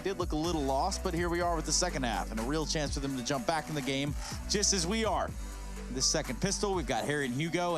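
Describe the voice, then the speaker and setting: Hyped-up male esports caster. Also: on the high side. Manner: energetic, playful hype. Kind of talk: hype commentary.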